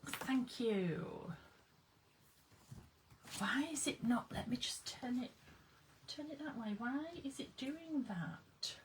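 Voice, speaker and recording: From her workroom, a woman runs a relaxed craft livestream, greeting viewers and reading their comments in a bubbly, excitable way. Her voice sits a little high and she talks slowly, leaving long pauses. There's a faint hiss or hum on the recording.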